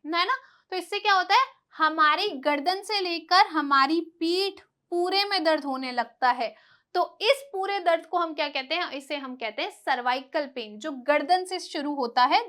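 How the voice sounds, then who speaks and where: A woman teacher with a very high, bright voice runs a vocabulary lesson. She patiently explains each word and stresses how it is pronounced. She drills her listeners by asking questions and answering them herself.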